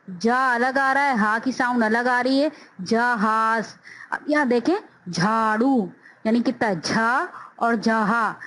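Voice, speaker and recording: Slow, careful woman teaching phonics. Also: a little high, low-quality recording. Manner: drawn-out, carefully enunciated syllables.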